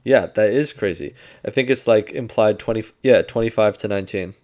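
A man on a casual sports betting podcast, relaxed and thinking aloud as he makes his picks. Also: lowish voice, fairly quick.

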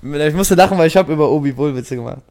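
Quick-talking teasing young man. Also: fairly high pitch, a little mellow. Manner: teasing, slangy, says Bruder and Digga. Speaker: podcast co-host. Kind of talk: casual chat.

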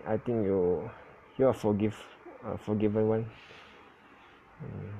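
A man who is not a native English speaker, recording his first casual podcast on a phone app and talking in a hesitant, halting way with many self-corrections. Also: fairly low pitch, fairly even intonation, gravelly, mellow, lo-fi sound, a little hiss or hum. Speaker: English learner.

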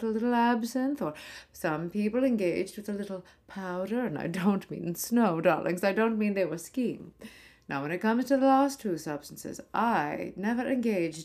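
A woman's voice: mid-range voice, darkish tone, natural voice. Campy, theatrical ghost of a Hollywood screen diva, played by a woman, vain and glamorous, mid-range voice, calls everyone darlings. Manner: theatrical, grand, keeps calling listeners darlings. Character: vain glamorous ghost of an old-Hollywood female film star. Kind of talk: scripted comedy podcast monologue.

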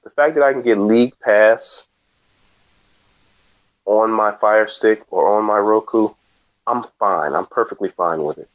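A man with a fairly low voice chats on a podcast, trading dry, deadpan jokes. The audio is dull and lo-fi, with the top end rolled off. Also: measured pace, pauses often. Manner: joking, deadpan asides. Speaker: podcast co-host. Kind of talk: casual chat.

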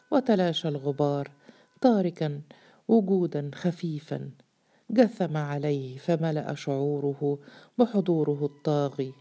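A woman narrating a literary story with a measured, formal reading. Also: deep voice, dark tone.

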